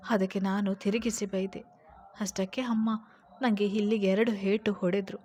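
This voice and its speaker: A woman's voice: medium pitch, close to an everyday voice. A woman voicing a sick young wife who talks in a childlike, pleading way.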